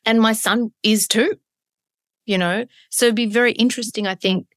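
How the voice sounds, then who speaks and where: A woman's voice: on the high side, steady tone, normal speed, a bit bright, dry recording, studio quality. Candid woman with broad Australian accent. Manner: candid, emphatic, piles up synonyms. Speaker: interview guest. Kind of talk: reflective conversational interview.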